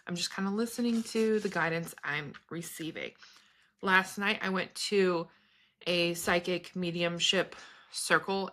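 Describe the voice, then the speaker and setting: Bright-voiced chatty woman vlogger. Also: lowish voice. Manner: chatty, meandering, laughs between thoughts. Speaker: spiritual vlogger and business coach. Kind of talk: casual chat to camera.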